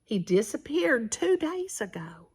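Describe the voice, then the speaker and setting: A woman's voice: high voice, sing-song, unhurried, voice pushed up, heavily acted. Woman reading as an earnest little girl. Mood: worried. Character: young girl searching for her lost dog.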